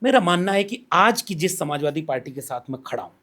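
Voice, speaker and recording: Man, high-pitched, podcast guest, measured, explanatory, makes numbered points. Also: big pitch swings, pushed and bright. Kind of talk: political discussion.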